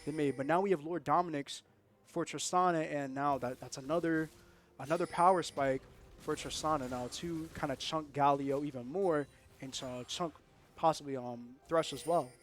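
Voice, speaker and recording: A young man casting a college esports match, excitable and quick to laugh, often repeating himself. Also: on the high side, slight background noise. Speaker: esports caster. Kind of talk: live game commentary.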